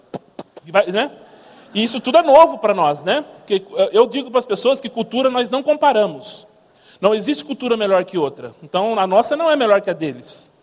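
Speaking in a large hall, a high-voiced man with a Brazilian Portuguese accent shares a humorous church testimony as a missionary speaker. He tells his stories with energy and mimics sounds along the way.

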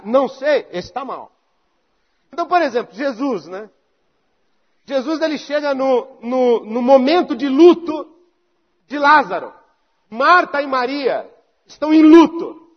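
A man's voice: very high-pitched, muffled recording. A pastor preaching a conversational sermon, acting out little dialogues to make his point.

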